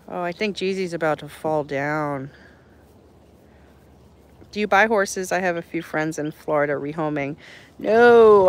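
A woman chatting casually on a live stream while she tends her horses outdoors, answering viewers and cooing at the animals in baby talk. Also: on the low side.

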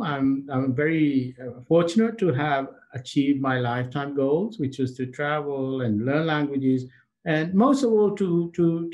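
Older man on a video call. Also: a little high. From Pakistan, raised in Britain. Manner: animated, repeats words, laughs between phrases. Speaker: guest, chamber of commerce president. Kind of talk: casual interview storytelling.

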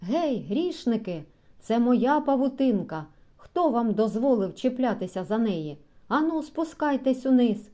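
A woman voicing a desperate male robber from a storybook reading, slow and calling out to the crowd below. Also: on the high side, very animated, darkish tone. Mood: angry, shouting.

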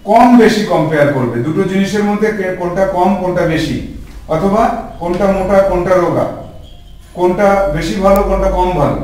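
A man's voice: high-pitched, darkish tone. Man teaching from afar. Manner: asks the class questions and answers them himself. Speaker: English teacher. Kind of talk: spoken grammar lesson. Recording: echoey room from far off.

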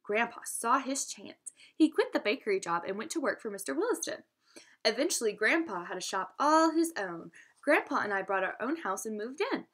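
Reading at normal speed, a young woman delivers an expressive storybook read-aloud with asides to students, like a teacher guiding a class. Her pitch moves in lively swings, and she stays instructive, posing questions to her listeners.

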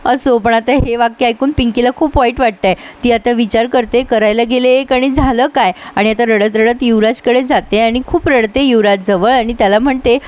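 Woman host, recapping a TV serial, chatty, talks to viewers, slightly high voice. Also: fairly even intonation, normal speed, few pauses, a little mellow. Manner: chatty, addresses viewers directly.

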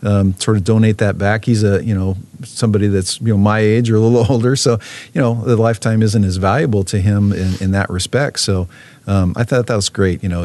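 Low-voiced man, rambling with fillers. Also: a little mellow. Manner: rambling, many fillers and restarts. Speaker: sportfish program manager. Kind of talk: casual interview talk.

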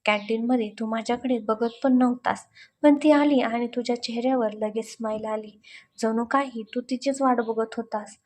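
A woman's voice: fairly high pitch, steady tone, moderate pace, darkish tone, close to an everyday voice. A woman voicing a young college woman who is hurt and jealous, speaking coldly and sulkily. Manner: cold, sulky.

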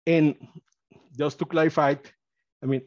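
Fairly high-pitched and free of echo, a Spanish-accented Mexican man gets excited as he presents college data on a webinar, sharing his screen. He stumbles through many fillers and restarts, and his computer mic on the video call yields dry, slightly dull audio.

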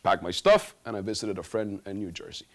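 A man's voice: lowish voice, a little fast. A man, telling funny stories in a stage talk. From Guatemala. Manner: animated, gesturing, humorous storytelling. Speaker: student speaker. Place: large auditorium stage.

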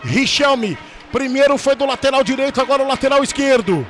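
A Brazilian man calling football in an explosive, excited, dramatic play-by-play style, drawing out his goal shouts. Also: very high-pitched, fairly quick.

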